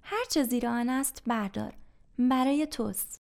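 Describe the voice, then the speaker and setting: A woman voicing a kind, gentle older male religious leader in a storybook reading, speaking warmly and calmly. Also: fairly high pitch, gravelly, pitched below the performer's own voice. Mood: kindly. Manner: gentle and kindly.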